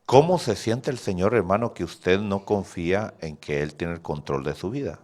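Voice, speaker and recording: Animated preaching man with lively pitch. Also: moderate pace. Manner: animated preaching, rising shouts, laughs at own stories. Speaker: pastor. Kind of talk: sermon.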